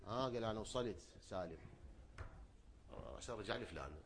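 A man preaching a sermon, asking rhetorical questions, repeating phrases and swinging between loud outbursts and low murmurs. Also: expressive, quick pace, slight background noise.

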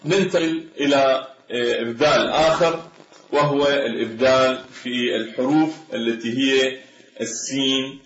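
A man delivers a measured academic lecture, pausing to carefully pronounce example words. The recording is roomy and echoey, with a dull, lo-fi tone. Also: mid-range voice, steady tone, faint music behind. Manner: measured, explanatory, slows to sound out example words. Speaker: Arabic language lecturer.

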